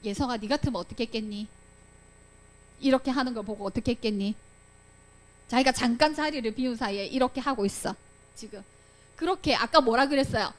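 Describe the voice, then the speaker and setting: A high-voiced woman leads a children's Bible lesson in an animated way. She keeps asking the children questions and acts out the voices of the people in the story. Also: a little fast, pauses often. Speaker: Sunday school teacher.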